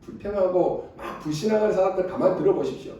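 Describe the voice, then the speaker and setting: A man preaching a sermon in a high, ringing voice, firing rhetorical questions at his congregation. He sounds set back from the microphone, and his words bounce around a big, very echoey church hall. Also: quick pace, mellow, far from the mic. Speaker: pastor. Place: church sanctuary.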